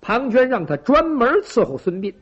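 Heard in a dull, lo-fi recording, this man's very high, sing-song voice moves at a moderate pace. He performs a traditional tale with drama, sound effects, and remarks aimed at his audience.

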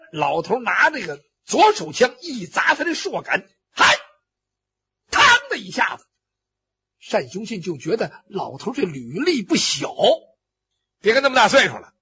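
A man's voice: extremely high pitch, bright, forceful tone, breathy edge. A man telling a traditional Chinese story vividly, with spoken sound effects and acted cries. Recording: dull lo-fi recording.

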